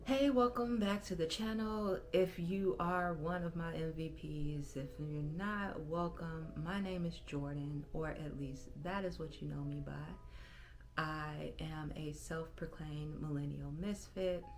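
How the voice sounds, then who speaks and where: A woman in her thirties, hosting her own channel, talks reflectively from her bedroom in a halting, self-correcting way. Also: deep voice, steady tone. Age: 30s. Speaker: channel host. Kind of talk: personal vlog monologue.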